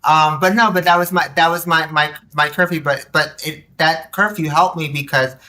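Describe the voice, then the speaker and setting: Speaking at normal speed in a slightly high voice, this man is a community activist guesting on a podcast. He retells personal stories in an animated, casual way, voicing quoted dialogue and dropping in rhetorical questions.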